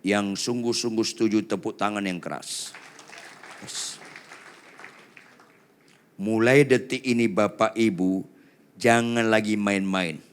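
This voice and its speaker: A male pastor preaching a lively sermon, swinging between loud cries and hushed asides while urging the congregation to answer louder. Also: on the low side, takes it slowly, pauses often, smooth, some chatter behind. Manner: quizzes the congregation and urges them to answer louder.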